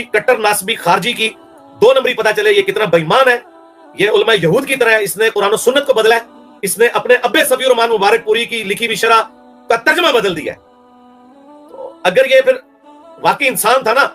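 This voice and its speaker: A man's voice: sits high, a bit bright. A man with a Pakistani Urdu accent giving an angry, scornful religious rebuttal, insulting and heated. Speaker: religious speaker.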